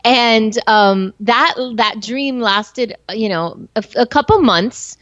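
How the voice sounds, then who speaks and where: A woman's voice: a little high, takes it slowly, a bit bright, no room sound. Candid woman in her forties, muffled recording. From born in Colombia, raised in the United States. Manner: reflective, candid, with frequent fillers. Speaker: guest entrepreneur. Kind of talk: candid interview conversation. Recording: slightly muffled, dry recording.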